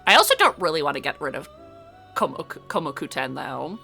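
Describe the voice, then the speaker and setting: A woman giving casual let's play commentary as a video game streamer, excitable and prone to sudden shrieks and shouts. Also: deep voice, a little fast, gravelly, soft background music.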